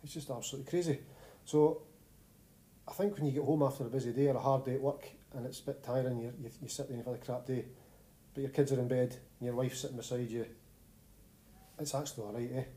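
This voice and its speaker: A man's voice: medium pitch, fairly even intonation, fast talker, pauses often, mellow. A man with a Scottish accent co-hosting a podcast in a casual, bantering chat about sport. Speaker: podcast co-host.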